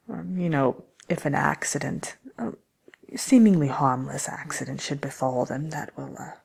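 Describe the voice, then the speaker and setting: A wicked witch, played by a woman, murmurs through a soft ASMR fairy-tale chat show. Her voice is very low, breathy and husky, with a gravelly creak that often sinks toward a whisper. She is smug, envious and slyly haughty, lingering over hesitant pauses. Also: heavily acted. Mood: sly, menacing. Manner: sly, haughty, hesitant with many drawn-out pauses. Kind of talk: ASMR roleplay, soft-spoken chatty answers to listener questions.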